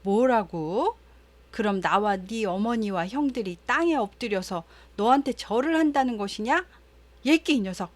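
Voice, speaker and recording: A woman's voice: fairly high pitch, expressive, moderate pace, natural voice. A woman voicing a stern old father who sharply scolds his boastful son in a storybook Bible tale. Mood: angry scolding.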